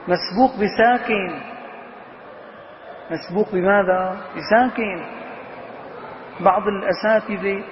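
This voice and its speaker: A man teaching an Arabic grammar lesson who asks questions and answers them himself, repeating key words slowly for emphasis. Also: high voice, slight background noise. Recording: dull lo-fi recording with long reverb in a hall.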